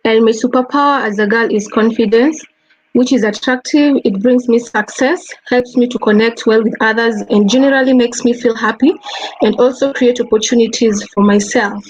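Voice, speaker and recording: A woman's voice: on the high side, steady tone, normal speed, low-quality recording. A young woman with a Kenyan accent answering earnestly as a panelist on a webinar video call. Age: young adult. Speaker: youth panelist.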